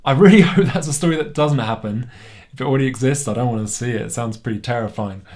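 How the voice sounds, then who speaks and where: A man's voice: medium pitch, fast talker, darkish tone. A man with a British accent giving a casual, sceptical toy review at home. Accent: British English. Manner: sceptical, wry and conversational.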